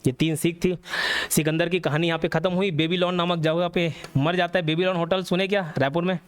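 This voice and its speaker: A man's voice: a little high, fairly even intonation, a little fast, clear, resonant tone. A man teaching a classroom history lecture, telling the story and quizzing students as he goes. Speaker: exam coaching teacher.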